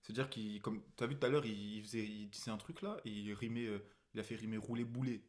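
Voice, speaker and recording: A man co-hosting a casual chat reacting to a new rap album, excitable and stumbling over repeated words when enthused. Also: lowish voice, quick pace. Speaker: reaction show co-host.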